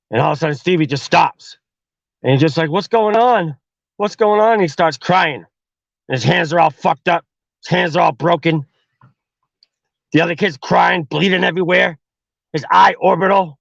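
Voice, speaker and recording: A man hosts a podcast and narrates a horror tale in a crude, profane, slangy manner. His voice is gravelly and a bit higher than most men's, recorded dry and close. The sound is dull and lo-fi. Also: a bit bright, dry recording. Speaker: podcast host.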